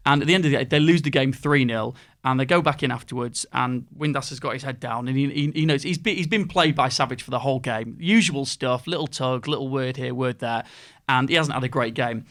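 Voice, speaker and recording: A man's voice: medium pitch, a little fast, fairly bright tone. A man hosting a football podcast, telling a long anecdote in a chatty, rambling way. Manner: chatty, rambling storyteller with frequent fillers. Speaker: podcast host. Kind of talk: casual chat and anecdote telling.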